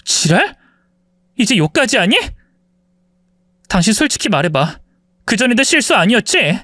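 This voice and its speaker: Betrayed angry wife done by a guy, shrill and accusing, pitched up, dry mic. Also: very animated, normal speed, sharp tone, dry recording, heavily acted. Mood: indignant. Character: betrayed wife in her forties, indignant. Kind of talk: dramatized story reading.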